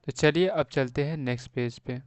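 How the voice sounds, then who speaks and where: In a dry recording, a man with a mid-range voice leads a beginners' phonics lesson on reading English. He works slowly, spells out each word letter by letter, and keeps checking in with a friendly "thik hai," or okay.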